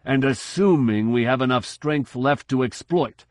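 Narrator playing a stubborn old-school admiral, higher and pushier, dry close sound. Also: male voice, measured pace, no room sound, lightly acted. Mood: defiant. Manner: bold, pressing, raised in argument. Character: resigned, defiant male fleet admiral.

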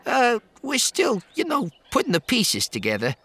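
A man voicing an excitable young man who speaks high and loud, slurring drunkenly in places. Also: moderate pace, vocal fry, husky, exaggerated voice. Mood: eager. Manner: high, strained, raised voice.

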